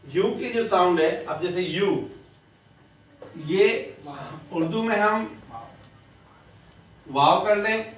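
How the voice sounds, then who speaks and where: Male teacher, unhurried and repetitive, drilling sounds; distant mic, roomy classroom echo. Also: sits high, slight background noise. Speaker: English teacher. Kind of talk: classroom lesson. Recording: echoey room, distant mic.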